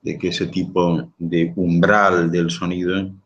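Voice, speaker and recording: A man with a very deep, husky voice explains at length, tagging his points with little rhetorical questions. The sound is dull and lo-fi, like a livestream. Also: flat delivery, takes it slowly. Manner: explanatory, with frequent rhetorical "¿no?" tags. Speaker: guest speaker on sound and language. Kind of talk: live talk answering audience questions.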